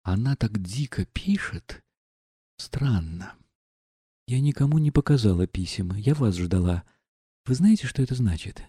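Мужчина-чтец, озвучивающий гордую страстную молодую дворянку, говорит взволнованно и с упрёком. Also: male voice, lowish voice, animated, unhurried, warm tone, breathy edge, dry recording, studio quality, heavily acted. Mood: agitated. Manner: agitated, reproachful questioning. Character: proud passionate young noblewoman.

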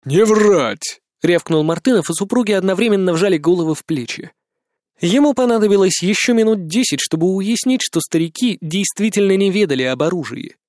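High-voiced male audiobook narrator. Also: animated, a little fast, a little mellow, no echo, clean studio sound. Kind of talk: scripted narration.

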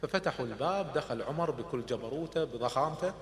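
Animated, fast-talking man. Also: mid-range voice. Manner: animated, acts out quoted voices and shouts. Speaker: lecturer on religious history. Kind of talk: dramatic storytelling lecture. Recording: echoey hall recording.

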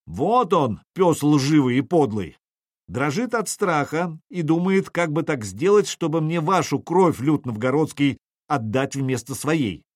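Brief: man playing a forceful young leader haranguing a crowd, big ringing voice, audiobook. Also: a little high, sing-song, normal speed, dry recording, studio quality. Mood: declaiming. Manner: loud, declaiming. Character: bold young male leader rousing a crowd.

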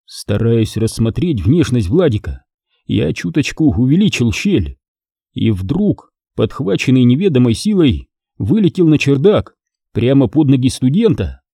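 A man reads a first-person detective story aloud with a wry, expressive delivery. His tone is dark and mellow, and his intonation moves a lot. The sound is dry and close. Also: mid-range voice, unhurried, husky, no room sound. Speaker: audiobook reader.

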